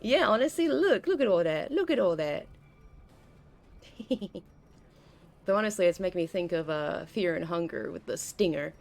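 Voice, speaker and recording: With a lowish, expressive, creaky voice that's a bit mellow, a young woman chats her way through a streamed game. She moves at a moderate pace, pauses often, rambles, and keeps breaking off mid-sentence.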